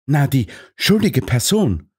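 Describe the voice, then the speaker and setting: A man's voice: medium pitch, very animated, slow pace, darkish tone, husky, voice pushed up, full character voice. A man voicing a stern male first officer who admonishes the others.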